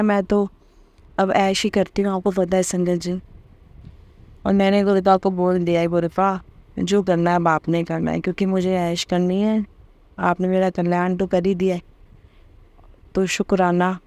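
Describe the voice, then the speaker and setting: Devout woman sharing, warm mellow voice. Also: medium pitch, dry recording. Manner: emotional, repeating words of thanks softly. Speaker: devotional satsang host. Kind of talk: devotional testimony talk.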